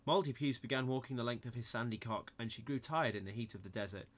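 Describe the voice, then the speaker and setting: A man's voice: medium pitch, quick pace. A man narrating a comic bedtime-style story in a playful, mock-innocent storybook manner.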